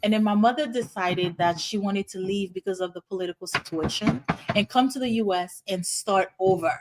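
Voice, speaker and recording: A woman's voice: medium pitch, brisk, heavy background noise. A middle-aged woman from Haiti, a hospital physician, answering interview questions in an earnest, explanatory way with frequent "you know"s. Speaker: guest, internal medicine hospitalist.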